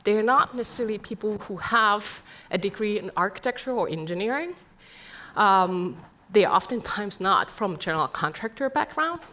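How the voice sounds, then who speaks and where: Speaking at a conference, a middle-aged woman from Finland delivers an earnest presentation packed with rhetorical questions in her Finnish accent. She has a medium-pitched, bright voice with a forceful, animated tone and a normal pace.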